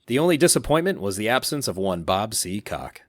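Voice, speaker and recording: Upbeat podcast host reading fan messages. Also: male voice, lowish voice, brisk. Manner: upbeat, reads quotes aloud with animated emphasis. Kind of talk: casual podcast chat.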